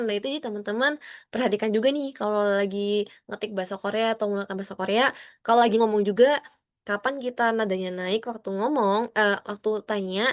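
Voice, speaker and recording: A woman teaching an online class in a friendly, patient way, often acting out sample phrases with rising or falling tones. Her voice sits in a middle range. The sound is dry and close, with no room around it. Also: dry recording. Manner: friendly, explains patiently, addresses students as friends; acts out sample phrases with rising or flat pitch. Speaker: Korean language teacher.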